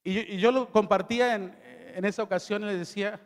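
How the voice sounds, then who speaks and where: A man's voice: high voice, steady tone, brisk. A middle-aged male pastor preaching a sermon. He reads scripture aloud and asks the audience questions. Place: large hall at a youth event. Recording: long hall reverb.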